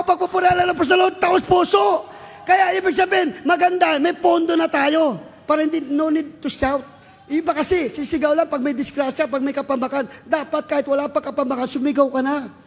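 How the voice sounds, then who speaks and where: A Filipino man preaching in a very high, gravelly voice that rings out in a long-echoing church hall. He exhorts his listeners and breaks into shouted praise. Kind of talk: sermon.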